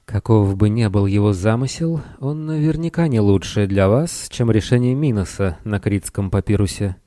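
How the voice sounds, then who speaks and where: A melodious young princess warns with calm gravity, put on by a man. The voice lifts higher than the reader's own. The read is close and dry. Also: moderate pace, no echo, lightly acted. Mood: grave.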